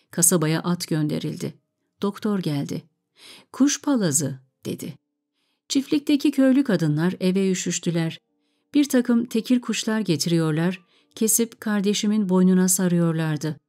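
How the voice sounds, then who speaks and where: A woman reading a story aloud in a calm, measured way. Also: fairly low pitch, soft background music.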